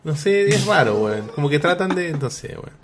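A man's voice: a little high, sing-song, moderate pace, music in the background. A young man with a Chilean accent, co-hosting a podcast, joking and rambling in slangy casual chat. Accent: Chilean Spanish. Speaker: podcast co-host.

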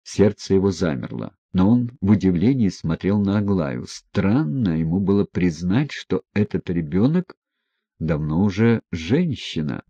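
A man narrates a classic novel in a calm, measured audiobook reading, his voice low and husky with a mellow, dark tone. The recording is close and dry, with a slightly dull sound. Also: no echo. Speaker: audiobook reader.

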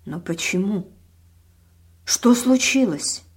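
A woman voicing a feisty, sharp-tongued old woman who exclaims loudly. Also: mid-range voice, expressive, slow, breathy edge. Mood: bewildered. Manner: loud and exclaiming.

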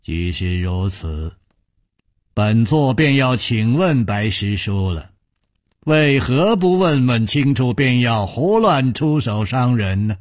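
Man voicing an authoritative young sect leader, deliberate and husky. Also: mid-range voice, lively intonation, no room sound, studio quality. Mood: stern. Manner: measured, commanding, slow and weighty. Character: stern young male leader of a beggars' sect.

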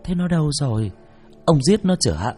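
A man's voice: on the high side, big pitch swings, moderate pace, husky, faint music behind, pitched above the performer's own voice. A man voicing a bossy older farm wife who scolds and orders the servants about. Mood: anxious. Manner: sharp, commanding.

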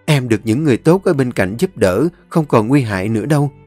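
A man voicing a caring elder sister who speaks in a gentle, coaxing way. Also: medium pitch, lively intonation, a little fast, dry recording, soft background music, lightly acted. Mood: reassuring.

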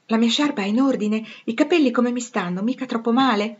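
A prim, vain young lady from a storybook, as a woman reader puts her on, speaking high and precise. The recording sounds a little dull and lo-fi. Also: a little fast, husky.

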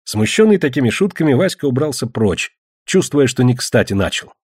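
A man reading a novel aloud as narrator, in steady, expressive storytelling. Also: mid-range voice, brisk, breathy edge, dry recording, studio quality. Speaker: audiobook reader. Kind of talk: scripted literary narration.

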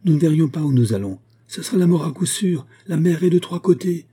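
A man's voice: fairly high pitch, expressive, brisk, warm tone, breathy edge, pitched above the performer's own voice. A man reading a novel aloud, voicing a frightened young man insisting on danger. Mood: alarmed. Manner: alarmed, insistent.

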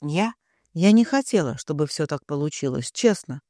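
A woman's voice: low voice, lively intonation, normal speed, mellow, no room sound, studio quality. A man voicing a jealous young woman who stammers and pleads through tears in an audiobook. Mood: tearful pleading.

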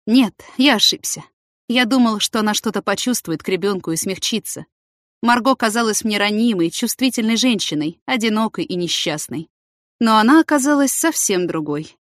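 A woman reading an audiobook, voicing a middle-aged male head of a maternity ward who speaks in a firm, brisk way. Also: medium pitch, lively intonation, a bit bright, no echo, studio quality, lightly acted.

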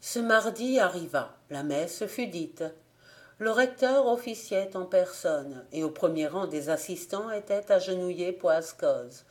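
A woman reading a literary audiobook in a measured, deliberate way. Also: fairly low pitch, expressive. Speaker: audiobook reader.

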